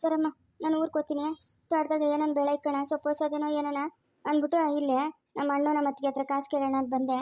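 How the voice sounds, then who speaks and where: A woman's voice: sits high, monotone, fast talker, warm tone, no room sound, lightly acted. A woman voicing a poor, middle-aged male farm laborer who pleads and cries in a cartoon story. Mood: resigned. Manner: pleading, self-pitying. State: crying. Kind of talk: cartoon voice acting.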